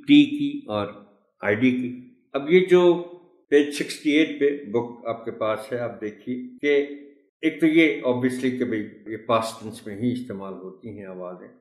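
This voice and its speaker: A man teaching English pronunciation to teachers, speaking slowly and repeating each word to model its stress, with a polite, formal manner. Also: mid-range voice, echoey room. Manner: slow, deliberate, repeats words to model stress; addresses listeners politely and formally. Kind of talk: tutorial lesson explaining pronunciation.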